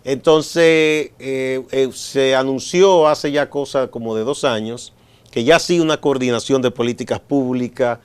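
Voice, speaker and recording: A man with a Dominican accent hosting a studio talk show, speaking in a measured, explanatory way with frequent pauses. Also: medium pitch, steady tone, clean tone. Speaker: host.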